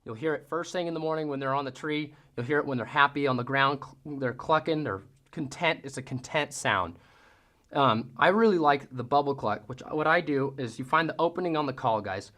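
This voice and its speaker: A man's voice: mid-range voice, fairly quick, a bit bright. Casual, folksy male hunting-call instructor. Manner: folksy, mimics sounds with vocal demonstrations. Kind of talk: casual how-to tutorial.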